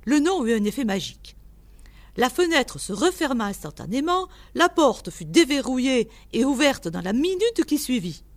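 A woman reading a story aloud in measured audiobook narration. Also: high voice, sing-song. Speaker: reader.

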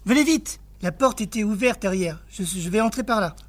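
A woman's voice: medium pitch, lively intonation, moderate pace, natural voice. An alert young male reporter-detective from a comic-book story, eager and inquisitive, voiced by a woman reading aloud. His voice sits in a middle range. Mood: curious, eager.

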